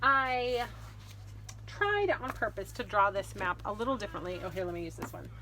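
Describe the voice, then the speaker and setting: This is a fantasy author in her thirties or forties presenting her own vlog, talking to viewers in a relaxed, explanatory way. Her mid-range voice is expressive and moves at a normal speed, with faint ambient noise in the background.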